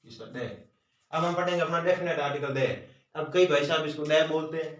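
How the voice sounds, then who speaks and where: Hindi-accented guy teaching grammar, a bit high voice, roomy echo, sounds far from the mic. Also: steady tone, brisk, fairly bright tone. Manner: repeats questions and answers them himself. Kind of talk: classroom lesson.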